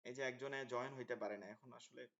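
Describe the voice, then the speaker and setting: A man's voice: medium pitch, fairly even intonation, fairly quick, creaky, a bit bright. A man teaching an online Quran course, explaining the class plan in a hesitant way with many fillers over a video call. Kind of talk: online class orientation talk. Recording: dull lo-fi call audio.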